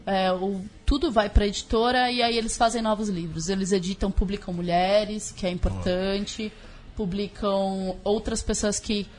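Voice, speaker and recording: A woman's voice: mid-range voice, fairly even intonation, normal speed, a little hiss or hum. Brazilian woman guest, candid casual chat, swears a bit, got a sore throat. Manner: candid, colloquial, sprinkled with swearing. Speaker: guest, book author. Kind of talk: casual conversational interview.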